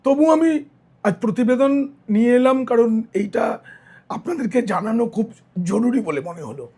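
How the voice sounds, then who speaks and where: A middle-aged male journalist giving political news commentary, hoarse and tired, speaking earnestly straight to his viewers. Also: very high-pitched, lively intonation, normal speed, warm tone. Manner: earnest, direct address to viewers.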